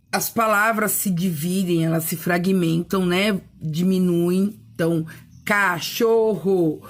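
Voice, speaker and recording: Slow, husky woman teacher. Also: fairly low pitch. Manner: asks rhetorical questions and answers them; sounds out words syllable by syllable. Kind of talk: educational video talk.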